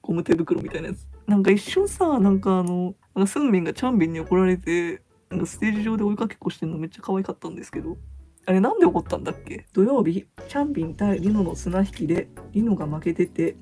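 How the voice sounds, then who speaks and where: A woman vlogger who reads out short fan notes, comments on each one and gushes excitedly, laughing often. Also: medium pitch, fast talker, soft background music. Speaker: vlogger reading fan reports. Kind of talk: casual fan chat.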